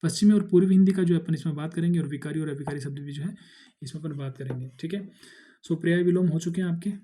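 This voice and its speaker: Man tutor dark, mellow voice, fairly high, casual exam-prep lecture. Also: fast. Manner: explains in Hindi with English words mixed in, many fillers and restarts.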